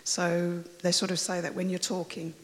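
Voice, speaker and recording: A woman with a raspy, croaky voice that always sounds like she has a cold, chattily telling her testimony to a church congregation, rambling with fillers and restarts. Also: fairly low pitch, completely flat delivery, moderate pace. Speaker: church member giving a testimony. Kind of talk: personal testimony told to a congregation. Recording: long reverb of a large hall.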